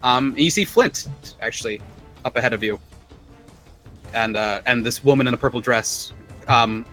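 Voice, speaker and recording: A man's voice: medium pitch, normal speed, pushed and bright. A man narrating a tabletop game as game master, describing scenes casually with many fillers, with music underneath.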